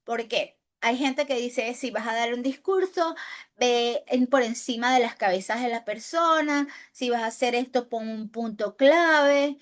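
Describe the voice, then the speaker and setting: A woman teacher with a Venezuelan accent, giving a lively classroom lecture on handling pressure, often asking rhetorical questions and swinging between loud and soft. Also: a little high, measured pace. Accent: Venezuelan Spanish. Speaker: teacher of spokesperson training.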